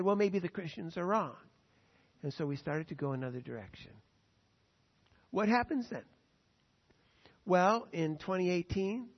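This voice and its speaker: A man with a high voice preaches a sermon, hammering some words loudly and dropping to quiet asides. His voice rings with a long hall reverb, and the recording sounds dull and lo-fi. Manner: emphatic preaching, swings between loud stresses and quiet asides. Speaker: pastor.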